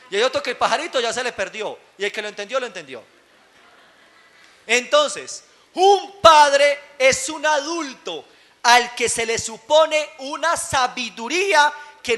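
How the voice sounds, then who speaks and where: Pastor, bright forceful tenor, emphatic live sermon with shouted peaks. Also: male voice, very high voice. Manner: emphatic, rising to shouts on key words; asks the congregation rhetorical questions. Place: church service, recorded live.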